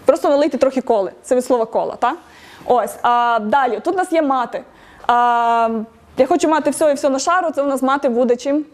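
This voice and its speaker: A woman's voice: high-pitched, quick pace. A woman giving an interactive lecture at a tech meetup, quizzing the audience, laughing often and encouraging answers.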